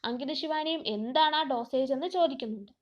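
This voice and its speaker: A woman teacher explaining a play line by line, asking questions and answering them herself. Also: sits high. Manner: reads slowly, then explains line by line. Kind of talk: classroom lesson explaining a play. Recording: dull lo-fi recording.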